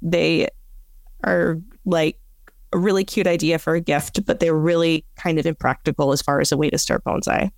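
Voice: mid-range voice, level tone, normal speed, vocal fry, no room sound, clean studio sound. A podcast co-host in casual chat, explaining things plainly and matter-of-factly.

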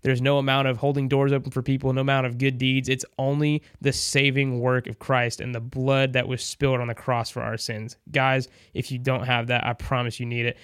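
A man's voice: mid-range voice, level tone, a little fast, hardly any pauses, a bit bright, clear, resonant tone, no room sound, clean studio sound. A man hosting a sports podcast, chatting casually with an earnest, emphatic manner.

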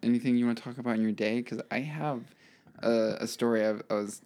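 A man's voice: medium pitch, steady tone, quick pace, warm tone. Laid-back young man co-hosting a chat. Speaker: podcast co-host. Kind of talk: casual chat.

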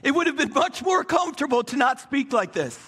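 A man preaching a sermon as pastor, wet and cold, with emphatic rising bursts and soft drops. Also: very high-pitched, big pitch swings, fairly quick. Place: church stage.

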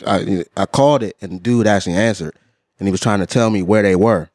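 A middle-aged man in casual, animated banter, telling stories with plenty of slang and swearing. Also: fairly low pitch, quick pace, no room sound, clean studio sound. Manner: slangy, profane, animated storytelling.

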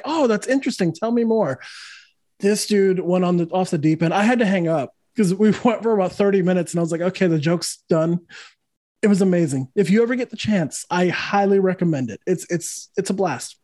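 A man's voice: high-pitched, fairly quick, hardly any pauses, darkish tone. A man from New Mexico hosting a podcast, telling stories in casual chat, swearing freely and laughing often. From Santa Fe, New Mexico. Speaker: podcast host.

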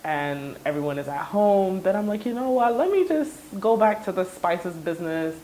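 A young woman from Ghana, raised in the States, telling her story as an entrepreneur in a relaxed, chatty interview with fillers. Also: on the low side, normal speed, a little hiss or hum, poor audio. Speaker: entrepreneur guest. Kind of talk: interview conversation.

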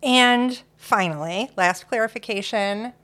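A woman's voice: medium pitch, unhurried, sharp tone. Easygoing woman podcast co-host, laughs often. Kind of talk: casual chat.

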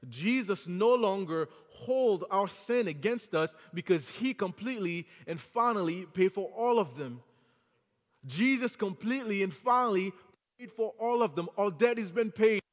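A Haitian man preaches a sermon in English with a French accent, his voice fairly high for a man, animated and at a moderate pace. He's earnest, building toward fervent exhortation, while the church sanctuary leaves a long, lingering reverb.

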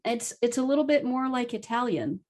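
A woman's voice: a little high, animated, a little fast, darkish tone. A woman hosting a casual discussion as a Latin teacher, asking questions and reciting Latin lines. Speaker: podcast host and Latin teacher.

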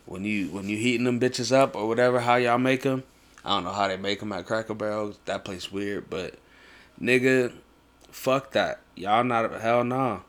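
A man's voice: on the low side, normal speed, a bit bright. A young American man chatting casually in a slangy, swearing, bro-heavy way, like a host talking with a friend. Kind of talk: casual chat.

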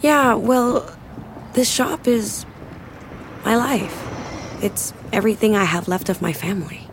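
A woman's voice: medium pitch, animated, a little slow, background noise. An actress playing a proud, strict young music teacher who is firm and exasperated with her students, in an audio drama. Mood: earnest. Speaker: music teacher and shop owner.

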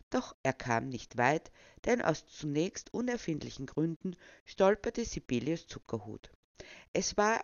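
A man reading a novel aloud as narrator, even and measured. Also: mid-range voice, no room sound, dull audio. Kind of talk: audiobook reading.

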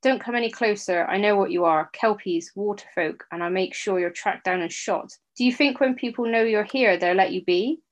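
A woman's voice: mid-range voice, moderate pace, hardly any pauses, lightly acted. Woman reading as a young male jockey, frightened, defiant, spitting threats, storybook reading. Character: frightened young man, a jockey, feigning bravado.

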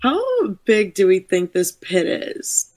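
A woman's voice: mid-range voice, huge pitch swings, slow pace, a little mellow. A woman playing a tabletop game, dry and hesitant, with many fillers. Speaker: player. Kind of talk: casual tabletop game play.

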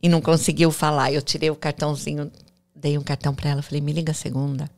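A woman guest on a podcast, telling her own story in a casual, animated way and repeating words as she goes. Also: low voice, fast talker. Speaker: guest, mentor and speaker.

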